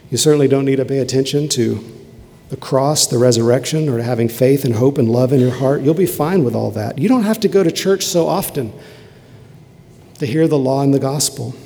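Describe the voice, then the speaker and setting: A man preaching a sermon, with emphatic rises and quiet, low asides. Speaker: pastor. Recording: long hall reverb.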